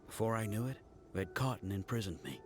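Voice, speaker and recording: A man voicing a courteous male antique supplier in a game cutscene, measured and salesman-like. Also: fairly low pitch, lively intonation, a little hiss or hum, natural voice. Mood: grateful. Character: grateful male antique supplier, polite merchant.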